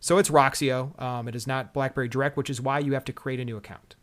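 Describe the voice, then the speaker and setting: A man's voice: medium pitch, steady tone, quick pace. A man co-hosting a casual tech show, griping with exasperation about a product he is reviewing.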